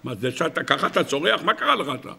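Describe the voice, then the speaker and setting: A man's voice: fairly high pitch, sing-song, gravelly, sharp tone, exaggerated voice. A man voicing an exasperated mother scolding her son in the middle of a sermon story. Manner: exasperated, fussing. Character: scolding mother of a young boy.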